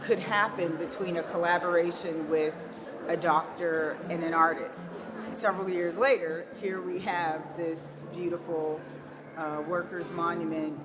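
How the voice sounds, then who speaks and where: A woman artist speaks in a thoughtful, slightly halting way in a documentary interview. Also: on the low side, steady tone, noisy background. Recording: music bed underneath.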